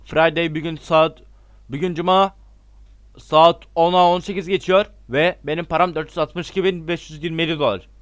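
A man giving excitable, casual gameplay commentary, shouting out reactions and talking straight to his viewers as friends. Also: fairly high pitch, normal speed, no room sound, studio quality. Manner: excitable, loud exclamations and slangy swearing; talks to viewers as friends, repeats himself. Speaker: gameplay YouTuber.

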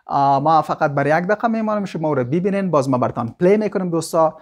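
A woman with an Afghan Dari accent teaching English vocabulary, mixing Dari and English and slowly repeating each word for students to echo. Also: low-pitched, lively intonation, darkish tone. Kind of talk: language lesson.

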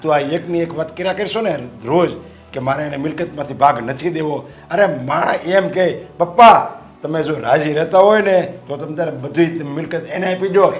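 A man's voice: a little high, moderate pace, natural voice. An actor playing a stubborn older father who guards his property, speaking in a stern, insistent, lecturing way.

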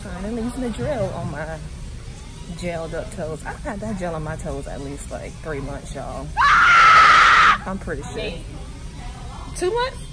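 A woman's voice: on the low side, unhurried, long pauses, shouting, loud music behind the voice. Chatty woman vlogging with her phone. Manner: chatty, candid, expressive, laughs often. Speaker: beauty vlogger. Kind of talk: casual vlog chat. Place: home living room and nail salon. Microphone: phone camera at arm's length.

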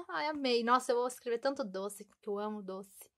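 A woman's voice: fairly high pitch, fairly quick, slight background noise. A young woman chatting through an unboxing, gushing and cooing over each cute item. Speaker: unboxing vlogger. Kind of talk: casual unboxing chat.

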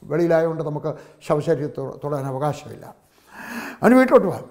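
High-voiced man preaching a fiery sermon. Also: quick pace. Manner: storytelling preacher, swings from hushed to loud exclamations, calls out hallelujah. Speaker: pastor.

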